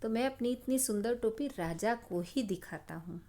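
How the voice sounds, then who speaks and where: A woman's voice: a little high, animated, normal speed, warm tone. Brief: woman playing a boastful mischievous boy mouse for a children's story, cheeky and sing-song. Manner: sing-song threatening chant, cheeky demands.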